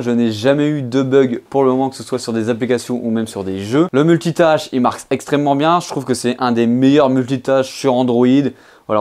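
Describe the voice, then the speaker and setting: A man's voice: medium pitch, a little mellow. A man giving a casual phone review, chatting informally and addressing the viewer directly with frequent fillers. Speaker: tech reviewer.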